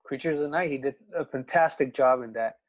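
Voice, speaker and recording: A man's voice: mid-range voice, brisk, no room sound. A man hosting a fan talk show, chatting eagerly with a guest and often restarting his sentences. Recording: dull lo-fi dry sound.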